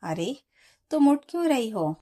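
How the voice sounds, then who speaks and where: A woman's voice: fairly high pitch, lively intonation, unhurried, warm tone, pitched above the performer's own voice. A woman voicing a worried, protective young husband who pleads with concern in a storybook tale.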